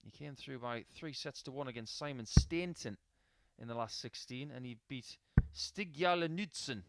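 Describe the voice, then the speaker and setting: A man's voice: medium pitch, moderate pace, vocal fry. A man giving live darts commentary in a chatty, anecdotal way, mixing statistics with personal asides.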